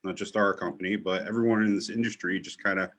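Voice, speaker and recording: A man's voice: deep voice, steady tone, fast talker, fairly bright tone. A man from an events company talking easily as a guest, with frequent fillers. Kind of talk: casual video-call chat.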